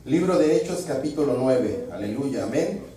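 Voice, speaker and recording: A man's voice: medium pitch, animated, normal speed, dark tone. A man preaching a sermon and leading prayer with fervor, punctuating his phrases with calls to the Lord. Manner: fervent, peppers phrases with "Señor" and "gloria al Señor". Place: church hall. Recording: echoey hall, mic far off.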